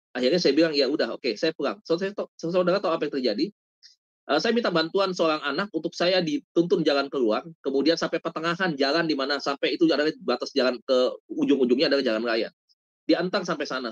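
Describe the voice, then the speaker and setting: A man's voice: on the high side, dry recording. A male pastor telling a personal story in a sermon, often calling his listeners "brothers" and acting out the dialogue. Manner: addresses listeners as "saudara", animated retelling with quoted dialogue. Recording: dull lo-fi dry sound.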